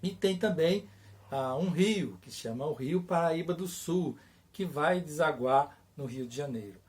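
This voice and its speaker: A man's voice: fairly high pitch, animated, a little slow. A Brazilian man, a storyteller, speaking informally and directly to viewers in a conversational, repetitive way with check-in questions. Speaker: writer and storyteller. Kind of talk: informal presentation to camera, addressing viewers directly.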